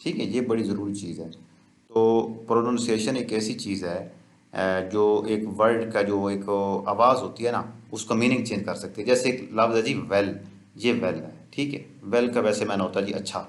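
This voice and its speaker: A man giving a YouTube lecture on learning English, explaining slowly and repeating each phrase. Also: on the low side, steady tone, roomy sound. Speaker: English teacher.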